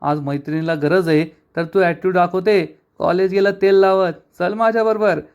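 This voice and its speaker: A lovesick young woman in a serial recap, emotional and bossy with her friend, voiced by a male narrator. Her lines come out high and eager. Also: steady tone, moderate pace, darkish tone, smooth, muffled recording. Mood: upset.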